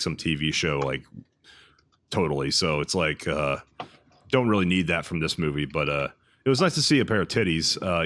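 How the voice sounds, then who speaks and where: A man's voice: a bass voice, a bit bright. A man co-hosting a casual podcast chat, blunt and crude, rambling with restarts. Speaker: podcast co-host.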